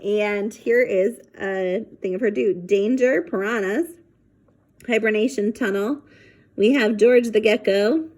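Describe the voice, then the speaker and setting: A woman reads a children's book expressively in a medium-pitched voice, performing dialogue and sound effects with lively animation and talking casually to young listeners between passages.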